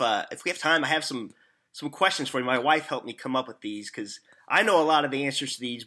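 A man's voice: mid-range voice, sharp tone. A man from Missouri with a Southern-sounding hillbilly twang, chatting casually and folksily as an interview host. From Missouri, United States. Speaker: podcast host interviewing a guest.

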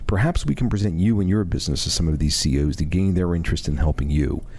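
Deep, dark-toned man reading a promo. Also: quick pace, breathy edge. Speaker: show announcer. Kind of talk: scripted promo read.

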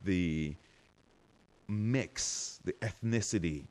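A man hosting a podcast, talking in a lively, slangy, hype-man way and laughing often. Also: low-pitched, very slow. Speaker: podcast host. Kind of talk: casual interview chat.

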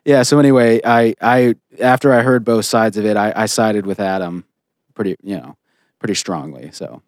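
A man's voice: fairly low pitch, normal speed, a little mellow, no room sound. Blunt, opinionated man in dry close sound. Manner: blunt, opinionated, swears freely, many restarts. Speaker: podcast co-host. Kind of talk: casual chat.

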